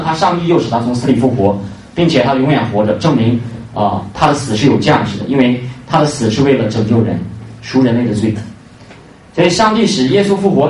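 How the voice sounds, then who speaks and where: A man preaching an evangelistic sermon with emphasis, repeating key phrases and pausing on fillers between points. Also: medium pitch, animated. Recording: roomy, distant mic, faint noise.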